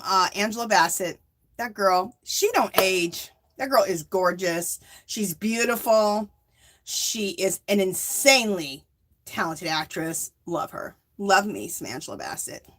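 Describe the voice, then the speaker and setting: Bright, lively-voiced woman chatting on a livestream. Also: mid-range voice. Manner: chatty, laughs often, reads viewer comments aloud; emphatic, tags lines with "okay?" and "Hello?". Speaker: livestream host of a yarn crafting channel. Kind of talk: casual chat with live viewers.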